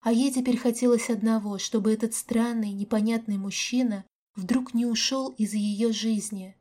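A woman reading a romance novel aloud as an audiobook narrator, with a calm, even delivery. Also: on the high side, normal speed. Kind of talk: scripted narration.

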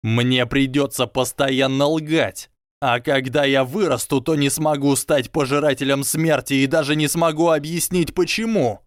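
A man voicing a proud young boy wizard who shouts and chokes with rage. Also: medium pitch, fairly even intonation, moderate pace, no room sound, clean studio sound, pitched above the performer's own voice, natural voice. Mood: seething.

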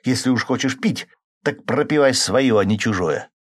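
A man's voice: lowish voice, animated, moderate pace, no room sound, studio quality, voice pushed up. A man voicing an upset young woman who sighs and pleads plaintively, in an audiobook. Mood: defiant. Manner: plaintive, sighing. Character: upset young woman, worried about her drinking man.

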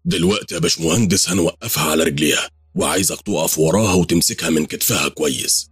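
A man voicing a calm, polite older imam with an Egyptian accent. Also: a bass voice, fast talker, slightly rough, dry recording, studio quality, full character voice. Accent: Egyptian Arabic.

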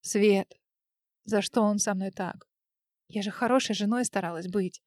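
A woman's voice: medium pitch, measured pace, darkish tone, dry recording, lightly acted. A woman voicing a frightened young pregnant woman, tearful and pleading, in a dry audiobook reading. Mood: distraught.

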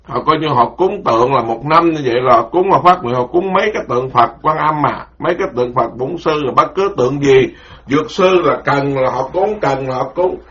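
A man, a Buddhist monk, giving a rambling, animated dharma talk full of stories. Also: mid-range voice, fairly quick. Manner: rambling, animated storytelling with quoted voices. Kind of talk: informal spoken sermon. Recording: dull lo-fi recording.

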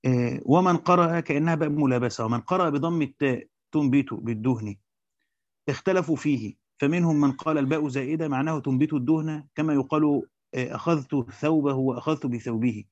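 A man with an Egyptian accent reads a commentary at a rapid clip, breaking off into colloquial asides where he stumbles and restarts his words. The recording is dry and a little dull, as if captured close up with modest equipment. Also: on the high side, dry recording. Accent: Egyptian Arabic. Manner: fast reading with hesitant restarts in the asides. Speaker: teacher reading and explaining a Quran commentary. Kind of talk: classical Arabic reading with Egyptian colloquial asides.

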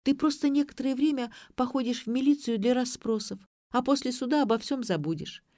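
Woman reading a persuasive young lover; coaxing, mellow, dry. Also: high-pitched, a little fast, dry recording, voice pushed up, lightly acted. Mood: soothing. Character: persuasive young man, smooth-talking lover.

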